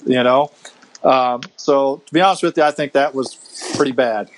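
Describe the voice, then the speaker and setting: A man's voice: mid-range voice, a little slow, rough recording. A man hosting a casual podcast over a video call, easygoing and chatty, laughing often and restarting his sentences. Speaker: podcast host. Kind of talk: casual chat.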